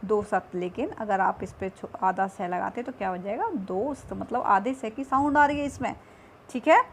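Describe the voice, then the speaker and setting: A woman's voice: medium pitch, moderate pace, slight background noise. A woman teacher reading and explaining a textbook lesson, patient and repetitive, often checking in with her pupils.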